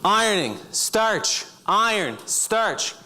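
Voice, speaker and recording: A middle-aged man telling vivid second-person stories on a stage, breaking into loud shouts. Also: sits high, very animated, slow. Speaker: speaker. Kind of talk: storytelling talk. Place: auditorium stage.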